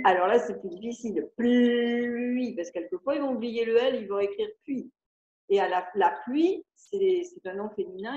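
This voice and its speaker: An older woman, a speech therapist, explaining spelling exercises in a video conference, slowly spelling out syllables and letters. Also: on the high side, a little mellow. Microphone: video call. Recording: echoey, dull video call audio.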